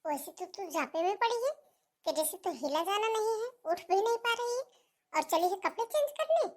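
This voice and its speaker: A bossy mother-in-law from a family melodrama, acted by a woman in a high, piercing voice. She scolds and mocks without letting up. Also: lively intonation, normal speed. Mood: mocking. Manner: shrill, taunting, scolding. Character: scolding middle-aged mother-in-law, harsh and domineering.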